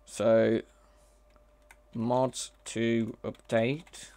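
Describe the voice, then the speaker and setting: Gravelly man coding and thinking aloud. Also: mid-range voice, level tone, extremely slow, mellow. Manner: thinks aloud, hesitant, self-correcting. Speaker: mod developer streaming live. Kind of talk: casual live coding commentary.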